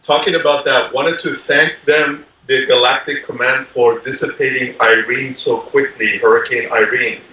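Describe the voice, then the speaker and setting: A man with a mid-range voice recounts events with earnest excitement. He sits well away from the microphone in a very echoey room, so his voice sounds distant and hollow. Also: mid-range voice, normal speed, few pauses, a little hiss or hum. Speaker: participant in a group gathering. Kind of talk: casual group chat. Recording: roomy echo, far from the mic.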